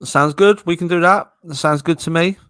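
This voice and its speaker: A man's voice: fairly high pitch, normal speed, a bit bright, smooth, no echo. A man hosting a casual podcast chat, laughing often as he rambles. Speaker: podcast host.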